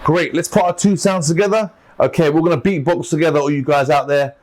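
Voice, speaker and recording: Man, beatbox workshop leader, higher voice, upbeat, shout-outs to young kids. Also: a little fast, a little hiss or hum. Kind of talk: leading a call-and-response beatbox lesson.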